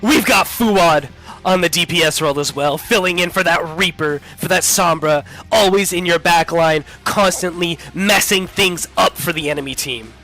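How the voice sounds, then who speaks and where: Bright-voiced male esports caster. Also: fairly high pitch, normal speed, faint music behind. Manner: upbeat, hypes the players. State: a little under the weather. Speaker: play-by-play caster. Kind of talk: esports commentary.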